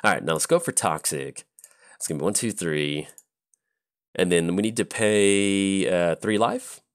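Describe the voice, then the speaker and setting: A man's voice: sits low, measured pace, no room sound, studio quality. A man hosting his channel, chatting casually through a card game with rambling stories and many fillers. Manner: rambling, relaxed, lots of fillers.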